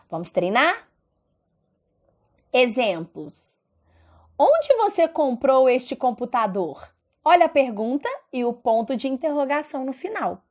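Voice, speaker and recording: A woman with a Brazilian Portuguese accent teaching a recorded lesson, explaining step by step and asking rhetorical questions. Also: sits high.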